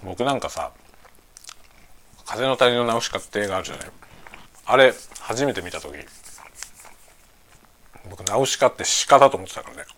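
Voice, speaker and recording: A man's voice: medium pitch, animated, moderate pace, pauses often, a bit bright, a little hiss or hum. A man in his forties rambling casually and musing aloud as he eats bread, often seeking the listener's agreement, chewing while talking. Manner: chatting while eating bread, mouth sometimes busy chewing. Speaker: streamer.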